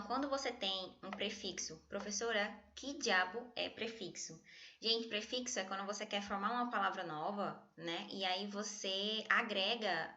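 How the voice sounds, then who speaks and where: A woman's voice: medium pitch, sharp tone, lo-fi sound. A Brazilian woman teaching an online grammar lesson from home, chatty and jokey as she talks to her students. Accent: Brazilian Portuguese.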